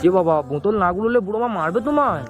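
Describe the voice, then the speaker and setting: A man vlogging in the street, gently coaxing and soothing a small child while making emotional asides to a friend. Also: sits high, big pitch swings, racing, dull audio. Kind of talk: street vlog talking to a child. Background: music.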